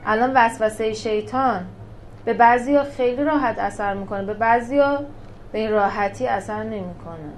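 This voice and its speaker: A woman with a fairly high voice gives a religious lesson to a small class. She talks emphatically, putting questions to her listeners and then answering them herself. A faint noise runs under the recording. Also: rough recording. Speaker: religious teacher.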